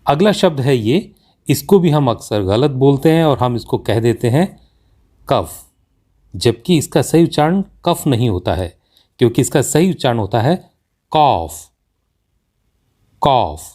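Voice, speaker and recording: A man with an Indian accent teaching English pronunciation in a slow classroom explanation, reading example sentences very carefully. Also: medium pitch, lively intonation, warm tone.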